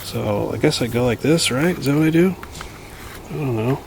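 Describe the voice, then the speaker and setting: A man's voice: mid-range voice, moderate pace, vocal fry. A man casually vlogging outdoors in his backyard, thinking aloud and poking fun at himself while he tries out a camera and a shotgun mic. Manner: rambling, self-deprecating, thinking aloud. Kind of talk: casual unboxing and testing vlog. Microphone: camera mic, then shotgun mic with windscreen. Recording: noisy outdoor camera recording.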